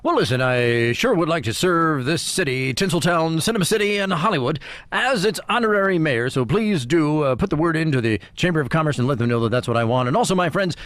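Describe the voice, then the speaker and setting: A man's voice: on the high side, lively intonation, a little fast, a bit bright, no room sound, studio quality. A man playing a pompous, courtly Satanist prophet in a theatrical improvised comedy monologue. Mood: smugly grand. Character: grandiose, genteel male Satanist prophet seeking honorary mayorship.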